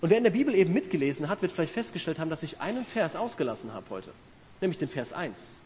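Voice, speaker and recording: A man's voice: fairly high pitch, very animated, fast, darkish tone. A middle-aged man preaching a sermon in an earnest, conversational way, asking his listeners questions. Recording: reverberant hall with faint hiss.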